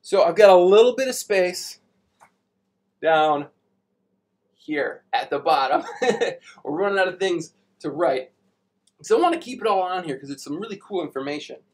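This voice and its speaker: A man's voice: sits high, animated, moderate pace, long pauses. A young man teaching a live online space class for kids at a whiteboard, chatty and playful, explaining big ideas with everyday examples. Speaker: science teacher.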